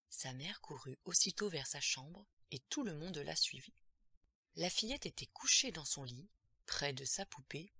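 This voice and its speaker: A woman's voice: low voice, pushed and bright, slightly rough, no room sound. A woman narrating a horror audiobook in a tense, dramatic storytelling manner.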